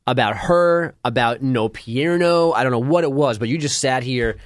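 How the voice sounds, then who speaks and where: A man co-hosting a casual studio chat, teasing and asking quick questions. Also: mid-range voice, no room sound. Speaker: co-host, news update anchor. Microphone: studio mic.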